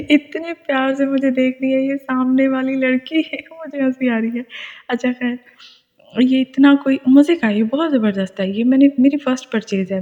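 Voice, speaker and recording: Woman, chatty beauty vlogger, high-pitched, dull lo-fi sound. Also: warm tone. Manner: chatty, enthusiastic, laughs at herself. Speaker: beauty vlogger reviewing moisturizers. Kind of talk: casual product review. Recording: lo-fi with long reverb.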